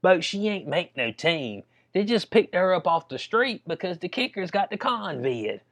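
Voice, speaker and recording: A man's voice: high-pitched, big pitch swings, normal speed, a bit bright, no echo, clean studio sound. A man with a Southern US accent giving a casual, comedic sports rant in an incredulous, slangy, chuckling manner. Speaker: commentator.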